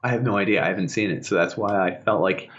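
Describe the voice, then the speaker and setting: A man co-hosting a podcast in casual chat, talking in an animated way and telling stories. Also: fast, slight background noise. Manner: animated storyteller, bursts into high laughing impressions. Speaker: podcast co-host. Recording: dull lo-fi podcast audio.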